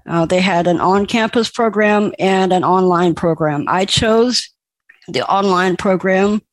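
A woman telling her own life story as a personal testimony, speaking in a halting, emotional way. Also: mid-range voice, no echo.

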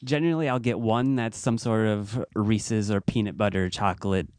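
A man's voice: fairly low pitch, fairly even intonation, normal speed, darkish tone, dry recording, studio quality. A man chatting as a podcast guest, laid-back and self-deprecating, laughing often. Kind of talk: casual podcast chat.

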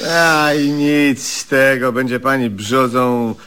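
Bossy, pompous eccentric for radio comedy: bright forceful voice, slow delivery, curt grumbles. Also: male voice, medium pitch, slight background noise. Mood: bossy, decisive. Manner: curt, grumbling, emphatic, deadpan about absurd things. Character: gruff, pompous, bossy, self-important eccentric man. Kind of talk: comic radio play acting.

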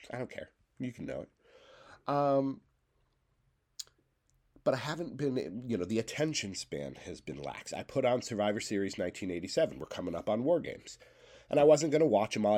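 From his home bedroom, a podcast host in his thirties rambles loosely through a solo episode in a stream-of-consciousness way, congested and coughing. His voice is deep and a little mellow, with a breathy edge.

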